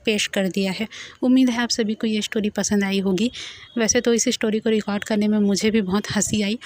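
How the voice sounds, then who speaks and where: A woman narrating a fan-fiction story in a lively, expressive way. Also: mid-range voice, dry recording.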